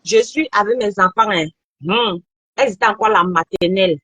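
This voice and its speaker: A woman in her thirties telling a story in an animated, repetitive way during a casual chat. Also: mid-range voice, brisk, breathy edge, dry recording. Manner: animated storytelling, repeats phrases.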